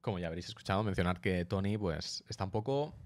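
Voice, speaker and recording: A young man from hosts a casual podcast chat. He steers the conversation with a brisk, teasing manner. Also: low voice. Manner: leads the talk, brisk and teasing. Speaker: podcast host.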